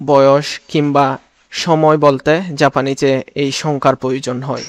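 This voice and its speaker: A man with a slightly high voice and a Bangladeshi Bengali accent teaches a lesson at a very unhurried pace. He repeats each word carefully for learners to echo. The recording is dry and close, with no room sound. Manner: slow, patient, repeats words for learners to say along. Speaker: language teacher. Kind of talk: spoken language lesson.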